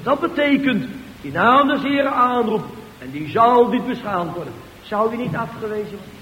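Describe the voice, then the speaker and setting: High-voiced fervent male preacher, echoey church. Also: expressive, moderate pace. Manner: fervent preaching, rhetorical questions, swings between loud and hushed. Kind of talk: sermon. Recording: echoey church hall with faint hiss.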